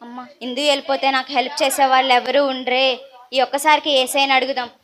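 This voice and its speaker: A woman's voice: high voice, flat delivery, fast talker, fairly bright tone. A woman playing a fussy, bossy wedding-planning housewife. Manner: bossy toward her maid. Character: fussy, busy lady of the house planning her daughter's wedding. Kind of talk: church Christmas skit acting.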